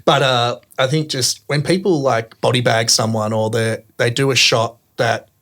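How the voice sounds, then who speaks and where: A man hosts a casual podcast chat, his voice sitting at a medium pitch. He talks in a relaxed way and thinks aloud with plenty of fillers. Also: moderate pace. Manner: relaxed, talks through ideas with many fillers. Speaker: podcast host.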